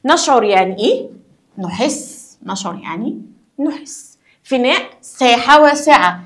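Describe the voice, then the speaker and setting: A woman's voice: fairly high pitch, expressive, measured pace. A woman with an Egyptian accent explaining a school lesson to young children, asking questions and answering them herself. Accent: Egyptian Arabic. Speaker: primary school teacher.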